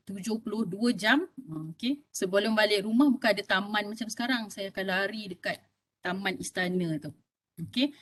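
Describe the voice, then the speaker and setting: Speaking to an audience about health, a fifty-something female doctor with a Malaysian Malay accent keeps things conversational and repeatedly asks "okey?". Her voice is medium-pitched and a bit bright.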